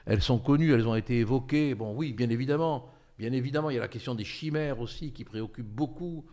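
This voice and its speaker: Hosting a political talk show, an older male commentator talks at a quick pace in a warm, mid-range voice. His delivery is emphatic and full of fillers and restarts.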